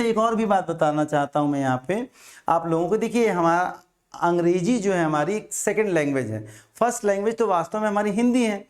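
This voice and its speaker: A man teaching an exam-prep grammar lecture, patient and repetitive, asking and answering his own questions. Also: high-pitched.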